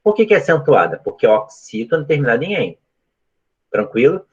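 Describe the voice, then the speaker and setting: Guy teaching grammar on a live stream, husky voice, keeps asking if everyone gets it, kinda muffled audio. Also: medium pitch, very animated, fairly quick. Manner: explanatory, asks frequent checking questions. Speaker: Portuguese teacher. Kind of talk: live online grammar lesson.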